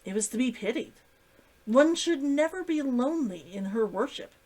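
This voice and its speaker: A woman narrating a novel aloud in an expressive, dramatic storytelling manner. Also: high-pitched, normal speed, poor audio. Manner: animated, dramatic reading. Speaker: streamer reading a novel aloud.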